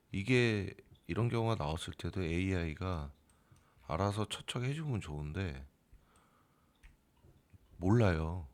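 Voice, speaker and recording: A middle-aged man with a very low, gravelly voice talks straight to his viewers in an easy, unscripted way. He stops and restarts often and fills gaps with small sounds. Now and then he briefly acts out scolding a computer program. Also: darkish tone. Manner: informal, hesitant with fillers, acts out arguing with the AI. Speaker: crypto trading bot channel host. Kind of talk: casual spoken explanation to viewers.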